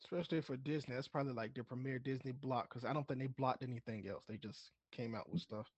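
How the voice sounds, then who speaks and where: A man's voice: mid-range voice, fairly even intonation, fast talker, breathy edge, no echo, muffled recording. A man in casual chat, chiming in with short, laid-back remarks.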